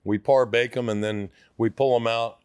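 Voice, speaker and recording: This man in his sixties runs a restaurant and talks loosely through an interview, stumbling over fillers and restarting sentences. He speaks at a moderate pace in a steady, mid-range voice that's smooth and slightly mellow. The recording is dry, captured on a boom-arm studio mic in a podcast studio.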